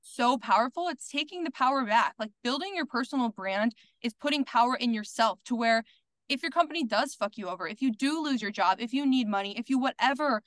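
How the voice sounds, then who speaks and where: A woman's voice: fairly high pitch, lively intonation, fairly quick, fairly bright tone, no echo. A woman guest on a podcast, talking candidly and outspokenly in casual conversation, peppered with "like" and the odd swear word. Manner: filler-heavy with many "like"s. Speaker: podcast guest, content creator.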